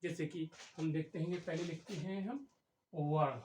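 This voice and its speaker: A woman teaching a Hindi grammar lesson, explaining slowly and repeating key words as she writes. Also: low voice, steady tone, darkish tone, a little hiss or hum. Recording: echoey room.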